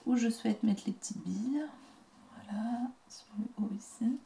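A woman hosting a casual craft tutorial, talking through each step in a chatty, soft-spoken way and murmuring quietly as she works. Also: a little high, normal speed, creaky, slight background noise.

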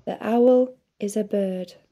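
A woman reading textbook sentences for a language course, slowly and clearly spaced. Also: mid-range voice, mellow. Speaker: audio course reader.

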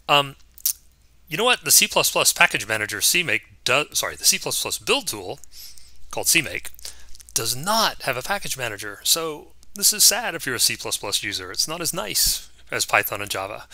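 A man giving a recorded course lecture in a relaxed, conversational way, with frequent ums and restarts. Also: lowish voice, no room sound. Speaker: course instructor.

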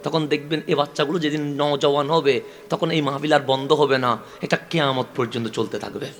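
A male preacher from Chittagong with a Chittagonian accent, giving a sermon at a religious gathering. He asks the crowd rhetorical questions in a call-and-response style and builds up to loud, drawn-out climaxes. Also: on the high side, fairly even intonation. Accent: Chittagonian Bengali. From Chittagong, Bangladesh. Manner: repetitive, call-and-response delivery.

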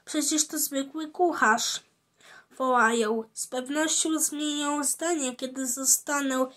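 A proud, lovestruck male cook from a children's tale, as a woman reader voices him. The voice sits high and moves at an unhurried pace, with small slips and hesitations along the way. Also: steady tone, fairly bright tone. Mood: confiding. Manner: reads the lines with slips and fillers. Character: boastful male cook in love.

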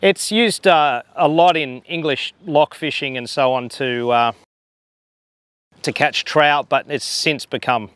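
Wearing a lapel mic on a harbor dock, a forty-something fly fishing guide demonstrates how to handle line, sounding relaxed but somewhat hesitant. His voice is on the high side, and the recording is dry.

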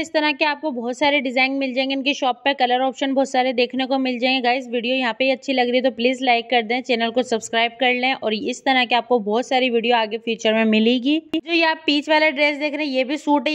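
A woman talks fast in a casual shopping vlog, her voice a little high and clear. She keeps up a chatty, repetitive sales patter aimed at her viewers. She records on a handheld phone inside a fabric shop in an indoor market. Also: fairly bright tone. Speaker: shopping vlogger.

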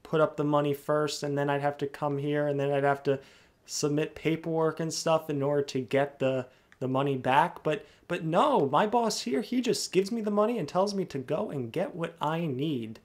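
A man's voice: fairly high pitch, moderate pace, lightly acted. A man voicing a nervous, naive and eager young errand-runner, stammering and gushing as he role-plays through a video game. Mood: timid, pleased. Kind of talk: role-play gameplay commentary in character.

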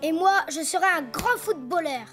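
A woman voicing Trotro, a playful and cheerful little boy donkey in a children's cartoon, with a high, childlike voice. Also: expressive, normal speed. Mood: imaginative. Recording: music behind the voice.

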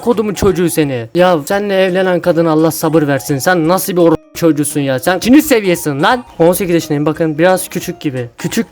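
A man's voice: a little high, fast talker, hardly any pauses, a little mellow, soft background music. A man who is a YouTuber, giving crude, mocking commentary as he reads chat messages aloud. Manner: crude, mocking, swears a lot.

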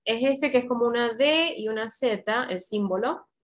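Her voice sits a little high and the audio quality is poor. She's an online English teacher with an Argentine Spanish accent who patiently and slowly models words and coaches pronunciation, offering encouragement as she goes.

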